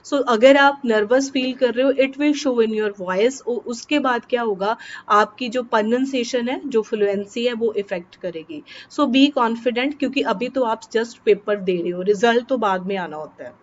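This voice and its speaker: A woman with a Punjabi accent teaching exam tips to students, switching between Hindi and English and slowing down to stress the English tips. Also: fairly high pitch. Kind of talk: lesson to students. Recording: dull, slightly noisy recording.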